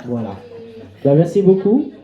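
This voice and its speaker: A man's voice: sits high, huge pitch swings, measured pace, muffled recording. A man hosting a book talk and event. He talks loosely and keeps saying "donc" as a filler. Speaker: event host. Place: event hall. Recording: roomy hall sound.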